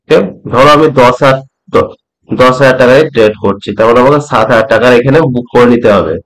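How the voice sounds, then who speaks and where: A middle-aged man from West Bengal teaching a trading method, talking slowly and repeating points, often checking that the listener follows. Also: medium pitch, a bit bright, low-quality recording. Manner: slow, repeats points, asks "ঠিক আছে?" often. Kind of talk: slow explanatory tutorial.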